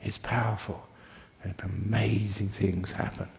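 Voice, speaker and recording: A man's voice: lowish voice, flat delivery, measured pace, gravelly, darkish tone. A man speaking informally as a meditation teacher, introducing a class in plain, short phrases.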